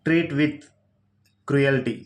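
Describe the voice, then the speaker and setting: A man with a Telugu accent teaching English vocabulary, reading out each word, spelling it letter by letter and giving its meanings. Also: mid-range voice. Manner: spells words out letter by letter, slowly. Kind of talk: slow vocabulary lesson.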